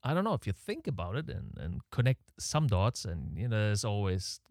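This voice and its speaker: A German-accented man hosts his own casual solo podcast from a home setup in Canada, rambling, opinionated and self-deprecating. His voice is fairly low, very animated and darkish at a normal speed, with his breathing audible on the close podcast mic. The sound is clean and studio-like, with no room sound.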